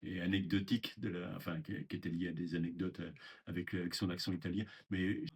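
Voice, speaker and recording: An older man talks in a very low, gravelly voice with a husky, rough edge. He recalls things slowly and hesitantly, stopping and restarting his sentences in a reflective interview. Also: fairly even intonation, a little mellow. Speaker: former resident interviewee. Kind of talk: recorded testimony interview.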